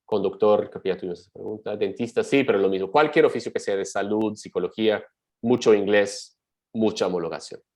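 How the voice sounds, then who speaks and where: A man advising on migration, reading out viewer questions and answering them quickly while thinking aloud in a live webinar. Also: fairly low pitch, darkish tone, low-quality recording.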